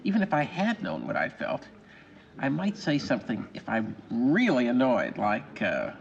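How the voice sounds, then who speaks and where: An actor playing a wry, anxious middle-aged stage actor, telling rambling, self-mocking stories in film dialogue. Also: male voice, medium pitch, wildly swooping pitch, moderate pace, creaky, lo-fi sound, a little hiss or hum.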